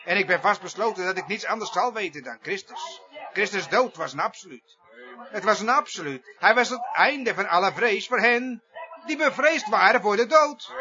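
A man preaching a sermon with a fervent cadence, slow emphatic phrases that rise to shouts. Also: high voice. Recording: lo-fi dull sound.

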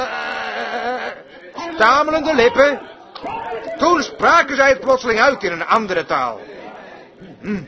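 A man delivering a fervent sermon with a rhythmic preaching cadence. His voice sits very high for a man. A congregation is clearly audible around him.

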